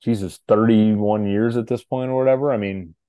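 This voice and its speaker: A man in his thirties co-hosting a podcast, thinking out loud in casual chat. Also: on the low side, steady tone, normal speed, smooth, no echo, muffled recording. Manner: thoughtful, hesitant, restarts sentences. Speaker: podcast co-host.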